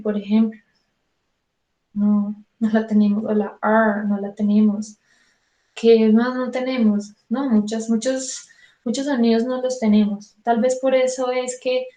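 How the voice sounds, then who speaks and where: A woman's voice: fairly high pitch, mellow. A woman with a Colombian Spanish accent giving an online singing lesson. She talks in a chatty way, acts out her students' thoughts and repeats words for emphasis. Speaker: vocal coach. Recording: echoey room.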